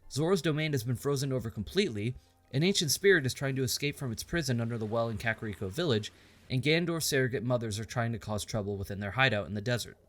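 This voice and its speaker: A man narrating a scripted game story recap with sarcastic, crude asides. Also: mid-range voice. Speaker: game reviewer.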